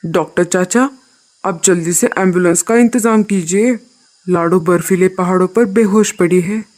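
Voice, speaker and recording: A man's voice: high voice, normal speed, a little mellow, natural voice. A man voicing a kind male crow in a cartoon, speaking with urgency and care. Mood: alarmed. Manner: urgent, caring. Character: kind male crow, helpful uncle to the chick.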